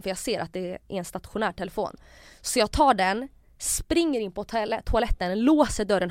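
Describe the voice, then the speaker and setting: A young woman hosts a podcast and tells a personal story in a casual, animated way. Her voice is mid-pitched and recorded dry and close. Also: no echo. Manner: animated, acts out quotes, many fillers like "jag bara". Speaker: podcast host.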